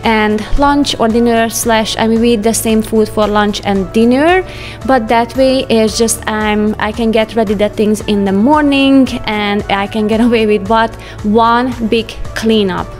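Woman narrating her home routine, highish voice, soft music behind. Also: steady tone, measured pace. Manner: chatty, light laughs, non-native phrasing. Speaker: home vlogger. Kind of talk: casual voice-over narration. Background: soft background music.

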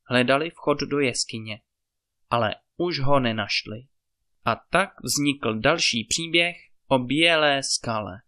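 A man reading a fairy tale aloud as a storyteller, in calm, measured narration. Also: mid-range voice.

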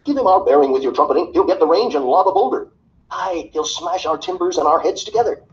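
Frightened sailors plead urgently with their captain in a high, strained voice, as a man reading the tale puts them on. The recording is dull, with a faint hiss underneath. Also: lively intonation, fast. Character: frightened pleading ship's crew.

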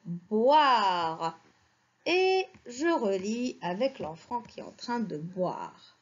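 A woman teacher slowly reading words and syllables aloud for young children. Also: medium pitch, very animated, dull audio. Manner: slow, syllable-by-syllable, sing-song teacher voice.

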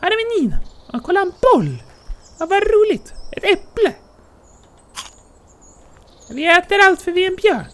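Casting note: cozy, easily delighted cartoonish bear voiced by a player, very high squeaky voice with bouncy, lively intonation, let's play commentary. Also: long pauses, full character voice. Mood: cheerful. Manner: chirpy, narrates own actions in "we".

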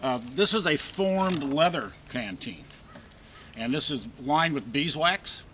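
A man's voice: on the high side, animated, slow pace, sharp tone, slight background noise. An older man casually showing off his old canteens outdoors, folksy and dry-humored, recorded from a camera a few steps away. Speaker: outdoor gear collector. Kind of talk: casual show-and-tell chat. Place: outdoors in a wooded park.

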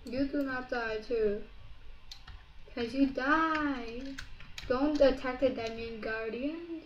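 A woman co-playing in a casual gameplay chat, bossy and teasing, snapping out quick commands. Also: high voice, highs cut off, slight background noise. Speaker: co-player. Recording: echoey room.

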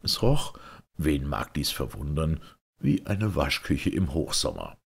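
A man narrates a novel in the first person with a very deep, husky voice. His delivery is measured, and his pitch moves widely from phrase to phrase. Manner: measured, expressive storytelling. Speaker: audiobook reader.

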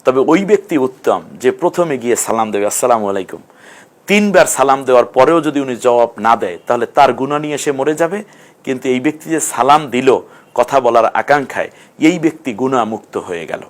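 A man teaching Quran letter sounds in a patient lesson, repeating each sound slowly. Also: medium pitch, lively intonation. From Bangladesh. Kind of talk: explanatory lesson.

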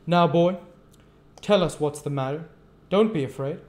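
A man voicing a brisk, firm male magistrate who gives orders, from an audiobook reading. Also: fairly high pitch, darkish tone, pitched above the performer's own voice, natural voice.

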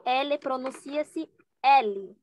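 A young woman with a Brazilian Portuguese accent teaching a Portuguese lesson in Spanish, drawing out each letter sound slowly. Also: sits high. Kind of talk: slow language lesson.

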